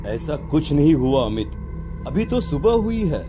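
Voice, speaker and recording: A man's voice: a little high, measured pace, over music. A man voicing a middle-aged father in a cartoon, scolding his grown son. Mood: stern. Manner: scolding, expressive. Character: middle-aged father, stern but caring. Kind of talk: Hindi cartoon voice acting.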